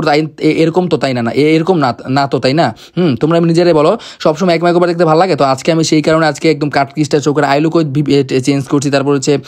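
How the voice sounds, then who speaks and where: A man's voice: fairly high pitch, a little mellow. A man chatting casually to camera as a makeup vlogger, playful and rambling. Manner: playful, rambling, talks fast and keeps slipping out of slowing down.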